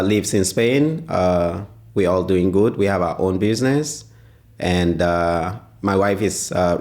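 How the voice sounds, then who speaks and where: A man, answering interview questions as a father, pausing often and searching for words. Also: sits low, darkish tone. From Ghana. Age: 20s. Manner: hesitant, pauses often with "uh".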